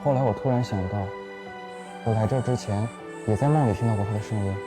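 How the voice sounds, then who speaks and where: A man's voice: lowish voice, fast talker, lightly acted. A man playing a troubled young man who confides hesitantly, in naturalistic audio drama style. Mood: uneasy. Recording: music under the voice.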